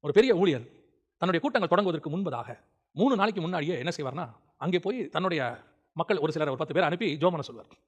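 Fast, fervent high-voiced male preacher. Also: lively intonation. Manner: fervent, rising to emphatic outbursts; colloquial, acts out quoted prayers. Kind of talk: sermon.

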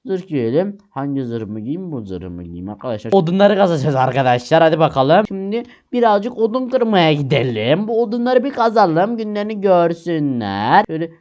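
A man hosting a game video, casually narrating and role-playing, talking excitably to viewers. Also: on the high side, normal speed, few pauses. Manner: excitable, exclaiming, addresses viewers. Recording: lo-fi dull sound.

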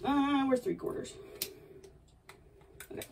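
A woman's voice: high voice, slow, very noisy. A young woman playing a playful, sassy princess hosting a comedic baking tutorial, with dry asides and a mock-dainty manner. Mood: playful, flustered. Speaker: baking video host. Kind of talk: comedic in-character cooking tutorial. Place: small home apartment kitchen, indoors. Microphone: camera a few feet away. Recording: distant kitchen camera microphone.

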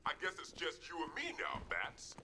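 A man's voice: on the high side, huge pitch swings, moderate pace, noisy background. An actor playing a cocky male thug who taunts his rival, in game audio. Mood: taunting.

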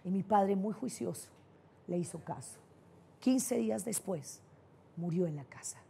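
A middle-aged woman with a Colombian paisa accent gives a motivational talk, telling her own stories with candid emphasis. Her voice is warm and mellow, with a slightly husky grain. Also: medium pitch, lively intonation, unhurried. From Colombia (Antioquia). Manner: personal storytelling, emphatic and candid. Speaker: neurolinguistic programming trainer, speaker.

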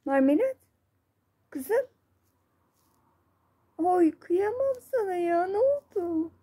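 A woman's voice: very high-pitched, expressive, takes it slowly, mellow. A woman with a Turkish accent coaxing and soothing her cat in doting baby talk, repeating pet names. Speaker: cat owner.

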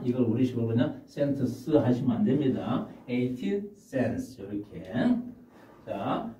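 A man teaching English phrases to older learners, saying them slowly and then explaining them. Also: medium pitch, dark tone. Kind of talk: slow classroom lesson. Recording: muffled, echoey from far off.

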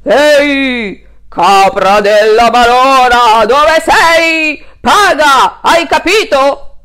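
A woman's voice: sits high, extremely slow, fairly bright tone, clean tone, voice pushed up, full character voice. A woman voicing a fat, sweaty, bullying male landlord in a storybook, bellowing and blustering. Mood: angry.

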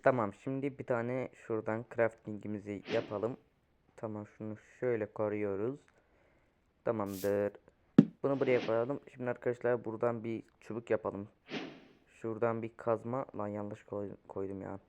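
A man's voice: on the low side, steady tone, moderate pace. Young man's chatty gameplay commentary. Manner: chatty, talks to viewers while playing, panics at danger. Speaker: gaming YouTuber. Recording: loud background noise.

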